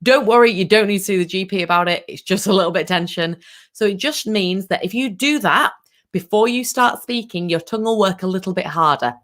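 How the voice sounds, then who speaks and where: A woman vocal coach leading an online workshop, giving direct, lively instructions and demonstrating as she goes. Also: medium pitch, brisk.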